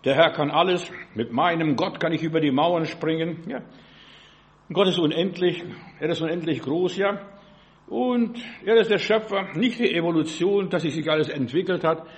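A man's voice: a little high, normal speed. A man preaching a sermon, speaking straight to the listener as "du" and dropping a "ja" between his phrases. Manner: addresses listener directly as "du".

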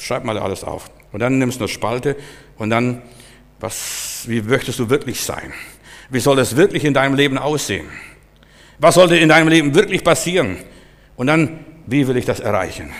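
An older man delivers a charismatic sermon in a reverberant hall, his voice set at an ordinary middle pitch. He drops into hushed, confiding asides, then climbs into loud, forceful commands. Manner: swings between soft, low asides and loud, forceful commands. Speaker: preacher.

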